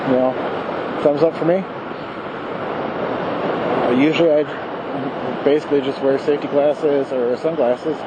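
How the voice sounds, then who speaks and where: A man's voice: fairly high pitch, dull audio. A man talks casually and loosely to viewers from inside a motorcycle helmet while riding, rambling and correcting himself as he goes. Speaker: motorcycle vlogger. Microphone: wired mic in helmet to voice recorder. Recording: inside a helmet, loud wind and engine noise.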